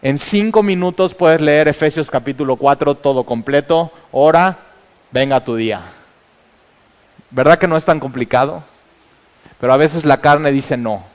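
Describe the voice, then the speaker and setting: A man preaching a sermon as pastor, urging and animated, with exclamations when he tells stories. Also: on the high side, normal speed, long reverb tail, muffled recording.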